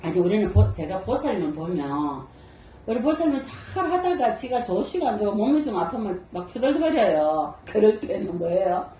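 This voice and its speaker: An older Buddhist nun preaches a dharma talk in a temple hall. Her voice is mellow and swings widely in pitch as she throws question after question at her listeners. The room adds a clear echo. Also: moderate pace, slight background noise. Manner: lively, asks the audience many rhetorical questions. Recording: roomy echo.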